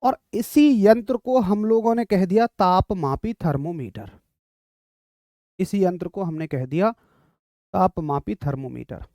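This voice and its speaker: A man's voice: high-pitched, measured pace, warm tone, dry recording, clean studio sound. A man teaching physics in a classroom lecture, explaining through a story and asking students to confirm they follow.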